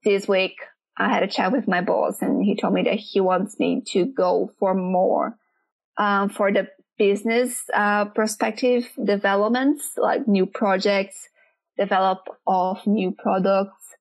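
A Brazilian woman whose first language is Portuguese answers interview questions in English with a Brazilian Portuguese accent. Her voice is mid-range, and in this relaxed chat she often pauses to search for words.

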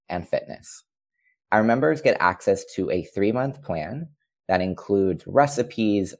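A man co-hosting a podcast, reading the welcome and a promo in a steady, read-aloud way. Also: sits low. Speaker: podcast co-host. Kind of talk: scripted podcast intro and promo.

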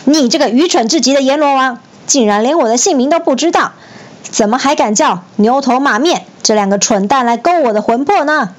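A woman voicing a brash, furious male monkey king who shouts and scorns, in a storybook reading. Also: a little high, fairly quick, close to an everyday voice.

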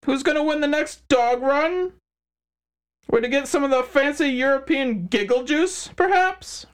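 Squealing sadistic crime boss. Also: male voice, expressive, a little slow. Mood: mocking. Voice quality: high-pitched squealing voice. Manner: mocking, smug and menacing.

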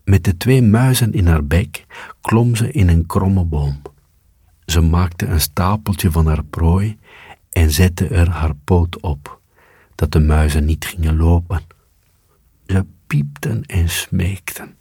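A man narrating a storybook in a calm, measured storytelling manner. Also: low voice, husky, no room sound, clean studio sound. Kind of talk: storybook reading.

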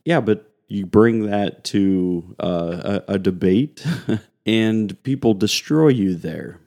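A man who is a pastor, talking through a daily devotional podcast in a casual, conversational way, often asking "right?" and laughing softly. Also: fairly low pitch, slow pace.

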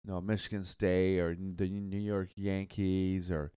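A man hosting a solo podcast, talking casually in a halting way, repeating words and stuttering now and then. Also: deep voice, flat delivery, dark tone, clean tone, dry recording, studio quality. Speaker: podcast host.

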